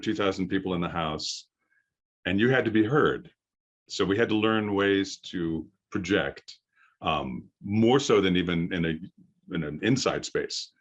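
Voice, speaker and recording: Deep, firm-voiced middle-aged man teaching. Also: a bit bright, highs cut off. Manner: explanatory, halting with pauses for thought. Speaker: voice acting coach. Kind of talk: informal workshop lecture.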